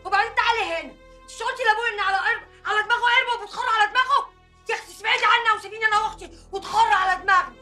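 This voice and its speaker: A woman's voice: extremely high pitch, fairly even intonation, racing, sharp tone, faint music behind. An actress playing a defiant young woman in a heated family fight, with an Egyptian accent. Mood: angry. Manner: angry, confrontational. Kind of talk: TV drama acting.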